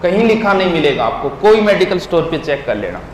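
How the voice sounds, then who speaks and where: Male teacher, high-pitched, lecturing and quizzing listeners; echoey hall, faint background noise. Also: very animated, a little fast. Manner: drills words syllable by syllable, quizzes listeners. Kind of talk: classroom lecture.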